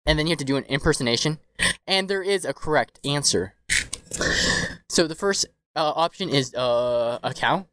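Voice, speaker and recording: A man's voice: fairly high pitch, expressive, normal speed, a bit bright, clear, resonant tone, no room sound. A man hosting a sports podcast, running a quiz in a playful, rambling way with many fillers. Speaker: podcast host. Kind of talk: casual quiz chat.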